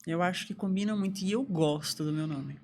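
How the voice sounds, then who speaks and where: A woman's voice: lowish voice, a little fast, darkish tone. A woman, a guest on a podcast, speaking reflectively and affirming in casual conversation.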